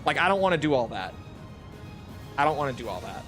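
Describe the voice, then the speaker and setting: Fast and sing-song, a mid-range male voice talks over music as he streams a game. He responds to viewers in a rambling, casual manner, joking at his own expense and dropping offhand profanity.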